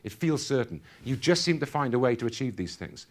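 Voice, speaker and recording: A man's voice: medium pitch, sing-song, a little fast. A man giving a motivational keynote at a conference, quizzing the audience in call-and-response fashion. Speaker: keynote speaker. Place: conference hall.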